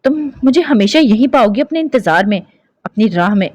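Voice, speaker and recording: A woman's voice: on the high side, expressive, normal speed, a little mellow, no echo, close to an everyday voice. A woman voicing a devoted young man who speaks earnestly and firmly. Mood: pleading. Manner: earnest, firm.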